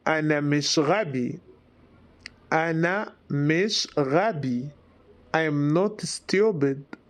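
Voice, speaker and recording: This is a man teaching his language, with an Egyptian Arabic accent. His voice sits a little high for a man, and his delivery is extremely slow. He answers each phrase by repeating it in its male form. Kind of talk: slow phrase drill for learners.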